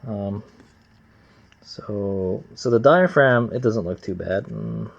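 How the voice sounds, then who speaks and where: A gruff amateur motorcycle mechanic hosts his vlog from the workbench, close to the camera, narrating his hands-on work casually and plainly with slangy, unpolished asides. His voice sits on the low side and he takes his time. The lo-fi camera audio sounds slightly dull.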